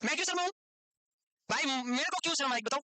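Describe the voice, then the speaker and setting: A man teaches a nursing class in a high, quick voice. He keeps drifting into teasing stories and banter with his students. The sound is dry and close. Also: lively intonation, pushed and bright, no echo. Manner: teasing, chatty storyteller. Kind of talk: classroom lecture with joking asides.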